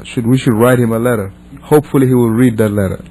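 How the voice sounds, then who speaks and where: A man from Senegal teaches a religious class as an imam, speaking English as a non-native. His mid-range voice is mellow with fairly even intonation, and he talks fast, reading and explaining emphatically through repetition, rephrasing, and rhetorical questions, on a low-quality recording.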